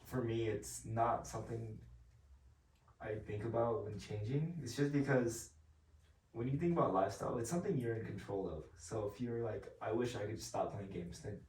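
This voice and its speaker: Calm twenty-year-old man, lowish voice. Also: moderate pace, distant mic. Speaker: podcast co-host. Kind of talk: casual chat. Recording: roomy sound, mic set back, faint ambience.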